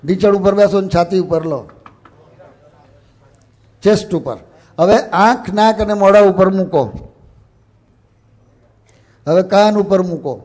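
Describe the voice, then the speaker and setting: A man giving a sermon and guiding a ritual, mixing English phrases into his talk and gently directing children on a stage. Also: sits high. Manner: instructive, mixes English phrases into speech. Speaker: religious speaker leading an assembly. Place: stage before an audience.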